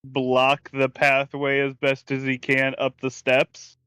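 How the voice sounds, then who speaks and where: A man's voice: medium pitch, monotone, slow pace, sharp tone, smooth, no room sound. A man chatting casually as a player in a tabletop role-playing game, grumbling and swearing mildly. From California.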